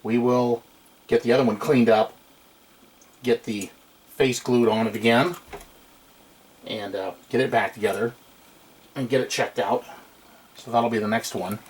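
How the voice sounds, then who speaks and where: Unhurried and steady in tone, with long pauses, a middle-aged man of medium pitch restores electronics as a hobby and gives an informal, unscripted workbench demonstration. A camera microphone at short distance captures him in a small room, yielding noisy amateur camcorder audio.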